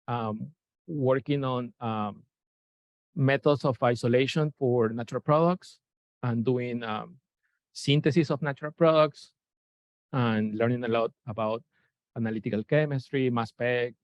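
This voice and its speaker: In an informal science talk, a Peruvian NASA chemist speaks hesitantly, with many fillers and self-corrections, in a medium-pitched voice. The lecture was captured by a room mic and shared over Zoom, sounding dull and dry without echo.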